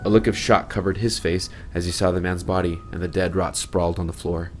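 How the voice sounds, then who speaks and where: A man's voice: low-pitched, steady tone, a little fast, soft background music. A man reading his own fantasy novel aloud in a dramatic narration style. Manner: dramatic, swelling on violent moments. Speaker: author narrator.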